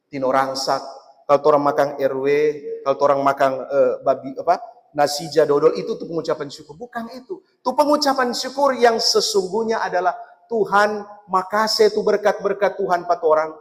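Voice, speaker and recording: A male pastor preaching a lively sermon with a Manado Malay accent, often putting questions to his listeners. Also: sits high, a little fast. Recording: long hall reverb.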